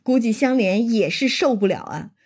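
Woman storyteller, husky and mellow, casual retelling with lively commentary. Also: a little high, normal speed. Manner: lively, chatty asides to the listener. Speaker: storyteller and commentator on a classic novel.

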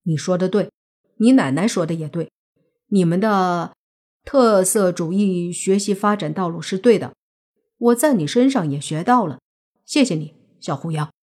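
A woman voicing a kind, easygoing young man who has become a zombie, in a relaxed, plain-spoken way. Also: on the low side, moderate pace, natural voice.

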